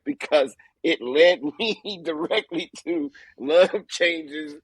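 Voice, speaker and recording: Husky, teasing male podcast co-host. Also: fairly high pitch, takes it slowly, dry recording, poor audio. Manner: playful, teasing, jokey. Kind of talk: casual chat.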